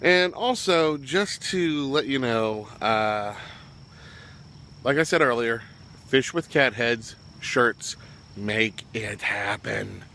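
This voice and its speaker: A man's voice: mid-range voice, lively intonation, slow, sharp tone, a little hiss or hum. A man talking casually as he reviews a web series episode, rambling with fillers and throwing in jokey asides. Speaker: show reviewer.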